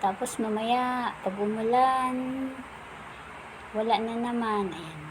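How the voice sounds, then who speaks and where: A woman with a fairly high voice talks slowly and casually while filming her dog, calling out to it in a cooing, sing-song way between remarks. Steady noise sits clearly behind her voice throughout. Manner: coos and calls to her pet in a sing-song voice. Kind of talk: casual running commentary. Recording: audible background noise.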